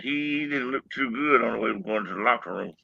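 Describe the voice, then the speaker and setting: A man's voice: mid-range voice, brisk, creaky, husky, no echo, highs cut off. A man on a sports panel chatting casually in a folksy, plain-spoken way. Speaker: wrestling show panelist.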